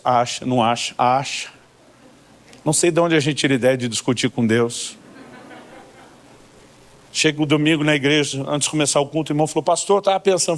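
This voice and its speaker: A middle-aged man with a Brazilian accent, a pastor preaching a sermon through humorous personal stories, acting out both sides of conversations. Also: mid-range voice. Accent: Brazilian Portuguese. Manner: humorous storytelling, acting out dialogues with God and church members.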